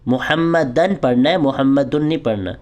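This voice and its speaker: A man teaching prayer recitation in an online lesson. He explains each point patiently, then recites long, drawn-out model lines for students to repeat. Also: mid-range voice, a little mellow, highs cut off.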